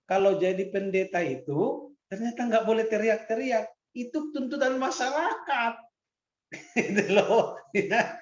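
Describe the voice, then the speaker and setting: A man's voice: sits high, darkish tone. A man giving a casual classroom lecture, chatty, often laughing and asking rhetorical questions. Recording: echoey, dull lo-fi room recording.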